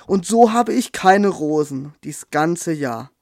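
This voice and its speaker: A man's voice: fairly high pitch, lively intonation, a little mellow, dry recording, studio quality. A man doing a weary, grave red rose bush. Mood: sorrowful. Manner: slow, grave.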